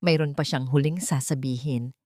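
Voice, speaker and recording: A woman with a Filipino accent narrates a scripted dramatic story in a bass voice that's steady, somewhat mellow, and at a normal pace. The studio sound is clean with no echo.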